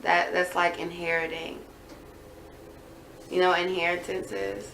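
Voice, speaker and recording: A woman asks a steady run of casual, probing questions, teasing a little as she follows up. Her voice sits low with a gravelly edge. It echoes around a roomy space over a faint background hiss. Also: unhurried. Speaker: interviewer. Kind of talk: casual one-on-one interview.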